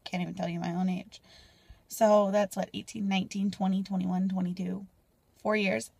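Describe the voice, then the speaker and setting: A woman in her twenties talking candidly to a phone camera in a car, rambling and sometimes dropping to a soft near-whisper. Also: mid-range voice, level tone, normal speed, vocal fry, husky, dry recording. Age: 20s. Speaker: mom vlogger. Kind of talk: casual personal vlog. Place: parked car, indoors. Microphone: phone camera at arm's length.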